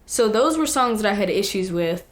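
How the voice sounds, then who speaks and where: A teenage girl, a young singer-songwriter appearing as an interview guest, tells a story in an animated way, acting out quotes and saying "like" a lot. Her voice is medium-pitched at a moderate pace.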